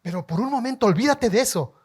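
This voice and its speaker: A man preaching a sermon as pastor, leading his congregation in call-and-response and rising to shouts. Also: very high voice, expressive, husky. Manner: slow, emphatic delivery, rising to shouts. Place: church hall before a congregation.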